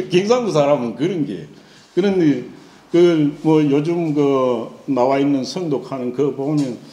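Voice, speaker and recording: Male lecturer, sing-song chanted reading, pitch that rises and falls a lot, echoey lecture room with faint hiss. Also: warm tone. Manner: chants slowly in a sing-song, then explains with many fillers. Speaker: classical Chinese teacher.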